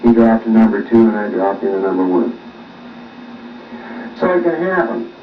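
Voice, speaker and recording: A man, a musician, answering interview questions with many pauses and fillers, heard on old worn tape. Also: lowish voice, sing-song. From Canada. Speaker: musician guest. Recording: echoey, distant, dull old tape with faint hiss.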